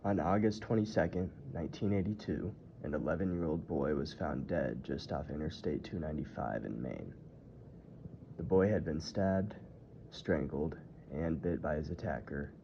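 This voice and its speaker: A man giving a scripted true-crime narration as a tour narrator, in a measured, formal storytelling delivery. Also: extremely low pitch, dark tone. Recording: muffled audio with clear background noise.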